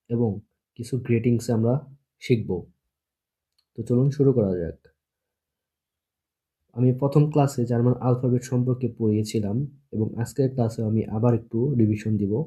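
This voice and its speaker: A man's voice: medium pitch, mellow. A man teaching an online language lesson, patiently spelling out letters and sounds one at a time.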